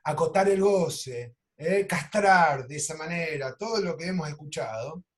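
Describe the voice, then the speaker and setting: A man with an Argentine Spanish accent, a psychoanalyst lecturing over a video call and telling clinical cases in a lively, animated way. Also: on the high side, measured pace. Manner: animated storytelling, acts out quoted lines. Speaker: psychoanalyst teaching an online course.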